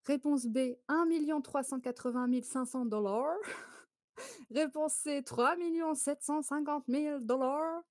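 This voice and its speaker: A French woman hosts a casual photo quiz for a live-stream audience, chatting loosely, laughing often, and repeatedly stopping to greet viewers. Her slightly high voice is a little slow and sounds close and dry, with no room sound behind it.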